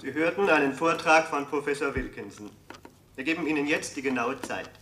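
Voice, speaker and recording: An actor playing a radio announcer in a radio play, reading the time in a formal, measured way through a radio effect. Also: male voice, fairly high pitch, pushed and bright. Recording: echoey, noisy radio broadcast.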